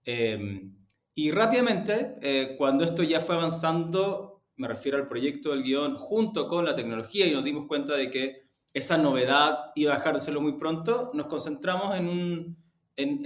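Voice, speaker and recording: With a fairly high, expressive voice at a moderate pace, a Chilean-accented audio production executive reflects on interview questions as a guest. He pauses hesitantly to find his words, and the room adds an echoey character to the audio.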